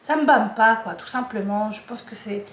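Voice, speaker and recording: A woman's voice: on the high side, moderate pace, fairly bright tone, slight background noise. Chatty woman, hesitant, echoey room. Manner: chatty, hesitant, many fillers. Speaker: vlogger. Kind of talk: casual chat.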